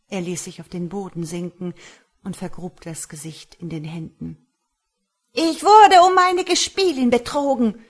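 A woman reads a dark fairy tale aloud in a measured, dramatic way. Her voice sits low and sounds somewhat husky and breathy. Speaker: narrator. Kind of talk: storytelling audiobook narration.

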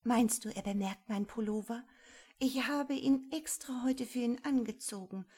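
A woman reads a dreamy young kitchen goblin girl who gushes in a high, lifted voice. She sounds smitten and eager, a little husky. It is a storybook reading. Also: normal speed, dark tone. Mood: gushing. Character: dreamy starry-eyed female kitchen goblin.

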